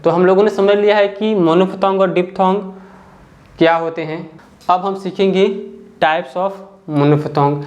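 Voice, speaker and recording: Patient man teaching with a raised voice. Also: sits high. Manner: patient, repeats points and checks in with the listener. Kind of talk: step-by-step classroom explanation.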